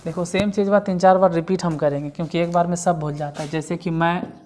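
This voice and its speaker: Woman, lower voice; informal grammar tutor who drills examples. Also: steady tone, quick pace, darkish tone, slight background noise. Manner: explains step by step, repeats examples. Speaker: English grammar teacher. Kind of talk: casual classroom lesson.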